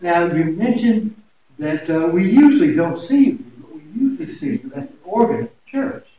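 A man's voice: high voice, expressive, moderate pace, dull audio. A man, a pastor, interviewing a guest in a chatty, joking way. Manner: folksy, chatty, jokes with guest. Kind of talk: casual interview. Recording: echoey, from far off, faint noise.

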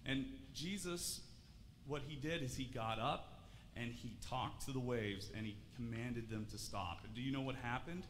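In a church sanctuary, a man in his thirties talks to children in a sermon, his medium-pitched, fairly bright voice moving at a moderate pace. He stays friendly, poses questions, and often begins again mid-thought. Church hall reverb and faint room noise are present.

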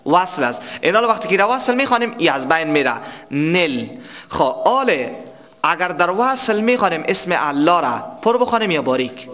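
A man teaching tajweed, explaining recitation rules and quizzing students before answering himself, with verses chanted slowly as examples. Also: high voice, very animated, pushed and bright. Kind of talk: tajweed lesson.

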